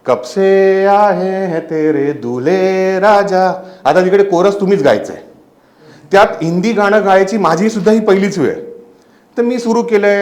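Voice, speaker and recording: A young man from Mumbai with a Marathi accent, performing a stand-up comedy set and telling stories that break into sudden loud, indignant outbursts. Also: on the high side. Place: comedy club stage.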